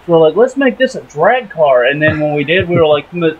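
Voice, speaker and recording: A man's voice: a little high, lively intonation, fairly quick, breathy edge, dull audio. A man in his mid twenties, co-hosting a casual gameplay chat in a talkative, rambling way. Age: 20s. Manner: talkative, rambling, laughs often. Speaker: gaming channel co-host.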